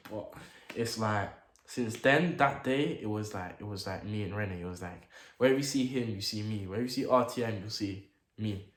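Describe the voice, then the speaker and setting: Slangy teen in an echoey room. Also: male voice, on the low side, moderate pace. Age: late teens. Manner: animated, slang-heavy, acts out his own reactions. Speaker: vlogger. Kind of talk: casual storytelling to camera. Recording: echoey room with faint noise.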